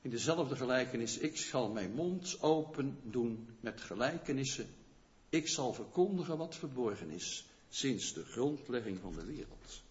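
A man preaching a sermon in a conversational way, often asking the congregation questions and checking in with a quick "yes?". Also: mid-range voice, animated. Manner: rhetorical questions to the listeners. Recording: long church reverb, dull lo-fi sound.

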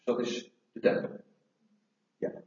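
A middle-aged man preaching a sermon, lively and asking rhetorical questions of his congregation, recorded from afar in a church hall. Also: slow pace. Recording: echoey hall, mic far off, dull sound.

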